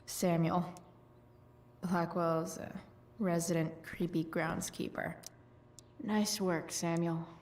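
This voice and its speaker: A rebellious teenage girl from a video game, sardonic and wry. Her voice is on the low side and very unhurried, with faint noise behind it. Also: little pitch movement, a little mellow. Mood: musing, dry. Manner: wry, sardonic, drawn-out delivery. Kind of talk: video game dialogue acting.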